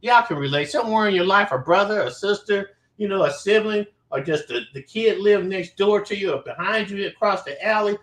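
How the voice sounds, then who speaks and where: A man's voice: sits high, brisk, few pauses, fairly bright tone. A man telling a story about his childhood in a casual way. He talks bluntly, swears a lot and rambles. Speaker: show host. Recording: roomy echo.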